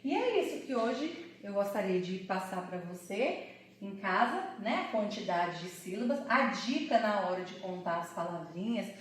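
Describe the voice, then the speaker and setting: A woman teaching a Portuguese lesson for children, sounding out words slowly syllable by syllable. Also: medium pitch, lively intonation, heavy reverb, distant mic, a little hiss or hum. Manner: slow, syllable-by-syllable explaining.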